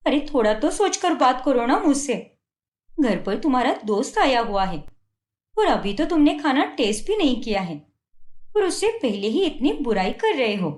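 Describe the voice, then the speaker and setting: A woman's voice: high-pitched, sing-song, normal speed, darkish tone, echoey room. A young woman voicing a patient, hurt but dutiful wife in a cartoon, pleading and defensive. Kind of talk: Hindi cartoon dubbing.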